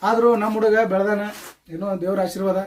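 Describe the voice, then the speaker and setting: A man's voice: sits high, level tone, fast, far from the mic, slight background noise. A man with a North Karnataka Kannada accent in a comic sketch, talking earnestly and a bit scolding.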